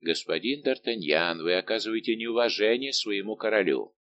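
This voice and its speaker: Male reader voicing a haughty young king: imperious, indignant, low-pitched audiobook read. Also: lively intonation, moderate pace, a bit bright, muffled recording, a little hiss or hum. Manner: commanding, indignant questioning. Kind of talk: audiobook reading.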